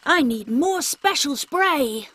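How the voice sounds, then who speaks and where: A woman's voice: sits high, lively intonation, slow pace, fairly bright tone, exaggerated voice. A woman voicing a tiny wind-up clockwork mouse. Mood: eager. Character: small male clockwork toy mouse, wound by a spring, eager and plaintive. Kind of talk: cartoon voice acting.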